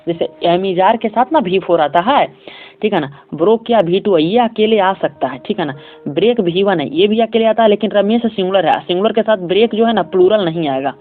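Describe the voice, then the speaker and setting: A male English teacher walking students through an exam paper step by step, reading English sentences slowly and often checking in with his class. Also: high-pitched, lively intonation. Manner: reads English sentences slowly, then explains them. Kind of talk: exam paper walkthrough lesson. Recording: tinny phone-like audio.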